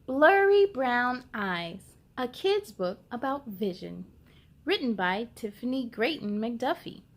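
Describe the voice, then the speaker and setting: A woman's sing-song voice, on the high side, carries a children's story time: she reads with expression, lengthens her words, and chats directly with the little ones listening.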